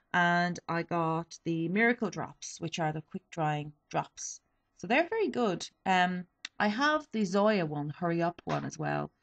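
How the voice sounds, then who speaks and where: A twenty-something beauty vlogger with a low-pitched voice and vocal fry casually reviews her beauty haul. She's a little sniffly, and her chat is loaded with ums and self-corrections.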